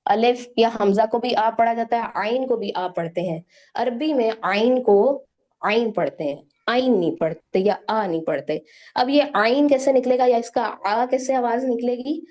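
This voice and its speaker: A woman teaching a Quran recitation class, patiently sounding out syllables slowly one by one and checking in with her students. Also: mid-range voice, mellow. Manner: slow, drawn-out syllable-by-syllable demonstration; patient, repeats "theek hai" to check in.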